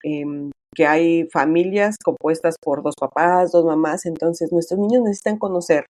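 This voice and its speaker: A middle-aged woman speaking as an author being interviewed, in a chatty, casual manner with many fillers and lively quoted dialogue. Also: fairly low pitch, moderate pace, dry recording.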